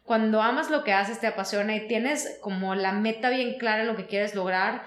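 A woman's voice: mid-range voice, moderate pace. Woman telling her story, roomy sound. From Mexico. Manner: animated, frequent fillers like "o sea" and "¿no?". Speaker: guest, HR consultant. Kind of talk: conversational interview storytelling.

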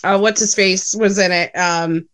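A woman's voice: medium pitch, steady tone, unhurried, fairly bright tone, smooth. A woman chatting casually on a podcast, hesitant and full of fillers.

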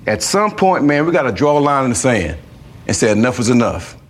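A man's voice: mid-range voice, very animated, a little fast. A man coaching football, giving a motivational team talk in an emphatic, colloquial way with lots of repetition.

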